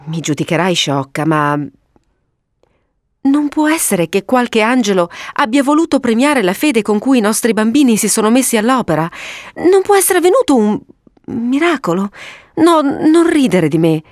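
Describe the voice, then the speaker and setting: A woman voicing a timid, gentle mother who speaks hesitantly in a read-aloud story. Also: a little high, big pitch swings, moderate pace, dry recording, clean studio sound, pitched above the performer's own voice.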